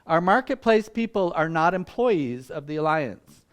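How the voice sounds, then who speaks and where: Man in his sixties, Vietnamese as first language, higher-pitched voice, church missions talk, friendly and conversational, lots of ums. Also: lively intonation, normal speed. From Vietnam and Malaysia. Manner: friendly storytelling with frequent ums and uhs. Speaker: visiting missions speaker. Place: church meeting room.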